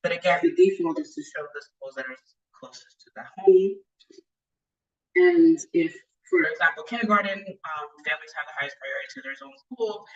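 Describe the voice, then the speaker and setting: A woman's voice: low voice, fairly bright tone. A woman walks listeners through an online application, her speech muffled as if coming through a wall. She sits back from a built-in computer mic, so she sounds distant and dull. She explains steps with frequent ums. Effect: muffled, as if heard through a wall. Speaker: presenter demonstrating an online school application. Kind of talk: walkthrough presentation on a video call. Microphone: built-in computer mic on a video call, no headset.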